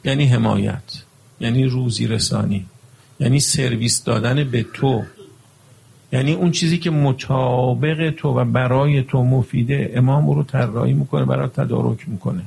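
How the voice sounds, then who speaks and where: A man's voice: mid-range voice, steady tone, vocal fry, darkish tone, slightly rough. A male preacher giving a religious lecture, emphatic and full of rhetorical questions to his audience.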